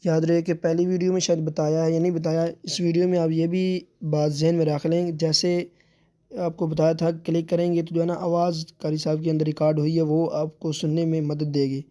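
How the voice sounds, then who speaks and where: A man teaching Quran recitation step by step, patiently explaining and drawing out letter sounds slowly. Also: on the high side, little pitch movement, mellow.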